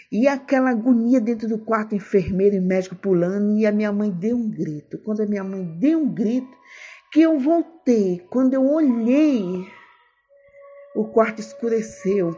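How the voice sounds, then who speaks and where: A woman's voice: dark tone, breathy edge. A woman giving an emotional testimony and sermon, repeating phrases fervently. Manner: fervent, repeats phrases, voice climbs high when moved. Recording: dull lo-fi recording with faint music.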